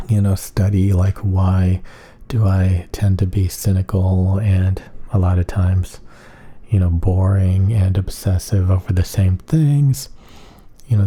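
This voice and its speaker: Guy rambling totally flat and emotionless, low husky voice, barely any pitch movement. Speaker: ASMR video maker. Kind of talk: monotone ASMR ramble.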